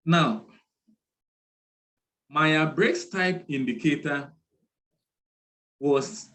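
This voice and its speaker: Brief: male lecturer, measured and unhurried, repeats key terms, online class. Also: medium pitch, poor audio.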